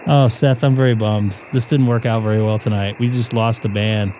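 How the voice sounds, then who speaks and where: A man's voice: lowish voice, steady tone, moderate pace. A man working as a ham radio net control operator, chatting casually and mocking himself between calls in a radio room full of static. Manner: chatty and self-mocking, talking to himself on air. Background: radio static and ambient hiss.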